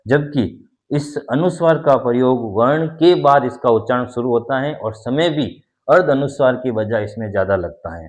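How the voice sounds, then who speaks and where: A male teacher with a mid-range voice gives a classroom-style grammar lesson, explaining step by step and repeating his key points. He pauses to sound out example words.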